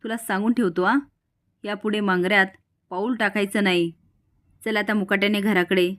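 A woman's voice: medium pitch, fairly even intonation, normal speed, fairly bright tone, close to an everyday voice. A woman reads a stern, protective middle-aged uncle who scolds and commands. She keeps the voice close to her own. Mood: scolding.

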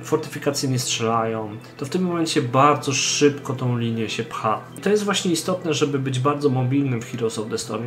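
A young man giving game tips in a voice-over, speaking straight to the viewer and urging them on with emphasis. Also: mid-range voice. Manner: emphatic, exhorting, addresses the viewer directly. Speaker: gaming channel host.

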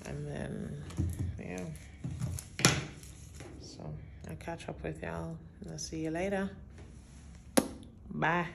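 Her deep, gravelly voice moves slowly, with long pauses, over a very noisy background. She's a woman in her thirties vlogging indoors at her apartment on an arm's-length phone, chatty and relaxed as she speaks directly to viewers.

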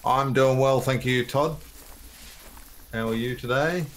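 A man's voice: mid-range voice, unhurried. A man with an Australian accent chatting easygoingly while playing a hunting game with a friend. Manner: easygoing, apologetic. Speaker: co-player on stream. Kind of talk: casual gameplay chat.

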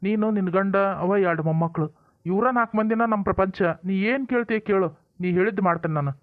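Actor as a firm North Karnataka village elder, high and quick, tinny dry sound. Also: male voice, dry recording, lightly acted. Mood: soothing. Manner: firm, scolding, then soothing. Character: stern but caring village father-in-law. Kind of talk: village comedy drama acting.

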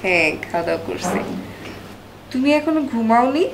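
An actress playing a young girlfriend, gentle on the phone and playfully suspicious in person. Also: on the high side, very animated, moderate pace, gravelly, background noise. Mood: tender. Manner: gentle, curious, teasing.

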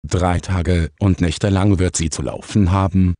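A man's voice: low-pitched, fairly even intonation, measured pace, mellow, dry recording, clean studio sound. A man voicing a stern, commanding female head witch in a children's audiobook. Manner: commanding, authoritative.

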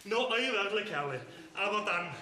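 An actor with a Swabian accent playing an excitable, jealous man in a stage folk comedy. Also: high voice, moderate pace, slight background noise, heavily acted. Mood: indignant. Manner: agitated, ranting, theatrical outbursts. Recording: roomy stage sound from a distance.

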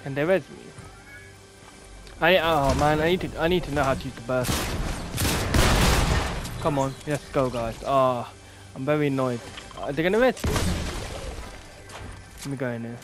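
A young man talks his way through a match in a casual, chatty way, quick to get excited and quick to get annoyed. His voice sits in an ordinary middle register. Loud game music plays behind him the whole time. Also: medium pitch. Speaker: gameplay streamer. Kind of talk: casual gameplay commentary.

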